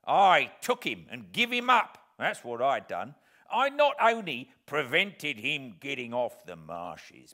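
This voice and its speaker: A man reading aloud and voicing a rough escaped convict who shouts in gruff, scornful defiance. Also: mid-range voice, voice pushed up.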